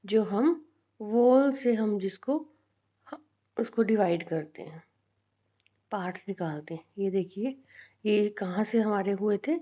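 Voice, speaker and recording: A woman with an Indian accent teaching an English lesson, speaking slowly and deliberately, spelling out letters and repeating things for her students. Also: medium pitch, lo-fi sound. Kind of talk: classroom lesson mixing Hindi and English.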